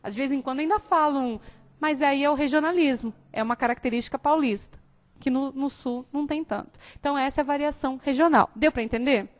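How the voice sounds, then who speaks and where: A woman teacher from São Paulo state, Brazil, gives a live classroom lecture in a high voice, talking fast. Her São Paulo Portuguese accent has been softened by years in southern Brazil, and she often checks that students understand.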